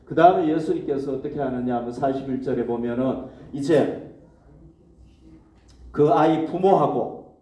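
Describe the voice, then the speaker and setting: A man's voice: mid-range voice, normal speed, pauses often, mellow. A male pastor preaching a sermon to his congregation, asking questions and answering them himself. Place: church hall. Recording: echoey church hall, mic at a distance.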